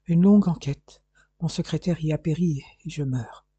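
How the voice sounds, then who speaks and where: A man voicing a dying older male detective who speaks weakly and haltingly, short of breath, in an audiobook. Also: a little high, mellow, breathy edge, no echo, dull audio. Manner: weak, halting, breathless speech.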